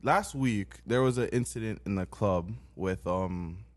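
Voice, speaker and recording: A man's voice: fairly low pitch, unhurried. A man co-hosting a casual chat podcast, talking bluntly and swearing freely. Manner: animated, blunt, swears often. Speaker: podcast co-host.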